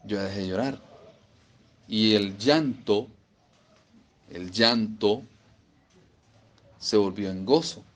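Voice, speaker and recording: A man's voice: lowish voice, takes it slowly, pauses often. A man preaching a sermon, emphatic and repeating phrases for stress.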